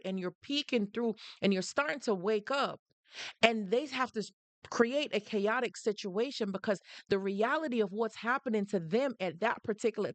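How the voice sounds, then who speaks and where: A woman with a Jamaican accent hosts a casual livestream, talking straight to her viewers in a slightly high voice with no room sound. She speaks emphatically, repeats her points, and pauses to greet people as they join.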